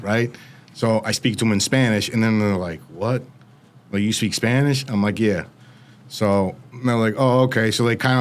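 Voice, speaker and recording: A younger American man with a fairly low voice tells his story as an interview guest, talking fast and animated in a casual way and slipping in quoted voices. There's a little hiss or hum on the recording.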